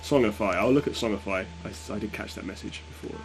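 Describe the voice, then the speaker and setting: A man's voice: on the low side, fast talker, gravelly, over music. A man streaming a game speedrun and chatting casually with viewers as he plays. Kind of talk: casual live gameplay chat. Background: game sound and ambience.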